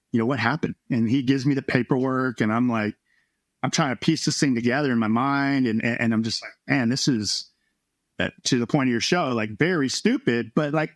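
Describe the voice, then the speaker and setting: A man, a former baseball pitcher, earnestly telling his personal story as a podcast guest, animated when he quotes others. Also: no echo, clean studio sound.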